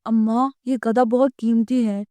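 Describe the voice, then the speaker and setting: A woman's voice: a little high, fairly even intonation, warm tone, no room sound, lightly acted. A woman voicing a lazy, simple-minded young man in a children's cartoon story, speaking in an insistent, complaining way. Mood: eager.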